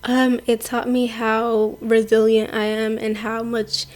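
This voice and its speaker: A young woman from Portland, Maine, USA, a makeup artist, chats casually as an interview guest, full of fillers and quoting others. Her voice is fairly high in pitch, slow and monotone.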